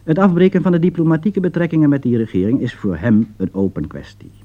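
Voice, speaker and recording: A man reads a scripted political broadcast commentary fast, with a voice on the high side. He is formal and rhetorical, pressing his points emphatically. The audio is narrow and tinny.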